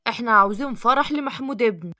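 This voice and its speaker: A woman's voice: on the high side, expressive, very fast, bright, forceful tone, dry recording, clean studio sound. A woman doing a polite Egyptian matron. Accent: Egyptian Arabic. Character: polite middle-aged Egyptian mother of the suitor.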